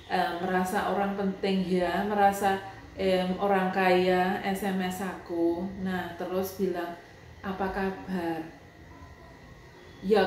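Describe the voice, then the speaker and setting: A woman with a Javanese accent talks casually to her viewers, chatty and emotional, slipping between languages. Her voice sits in the middle range. The room is very echoey, with a faint hum of ambient noise behind her. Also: mid-range voice. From Yogyakarta, Java, Indonesia. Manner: chatty, emotional, mixes Javanese, Indonesian and English. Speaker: vlogger.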